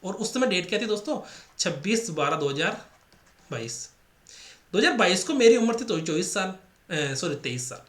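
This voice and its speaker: Teaching math for exam preparation, a man with a Rajasthani Hindi accent speaks at normal speed in a high, very animated voice. He goes over each step repeatedly and throws rhetorical questions at the class, and the room is echoey.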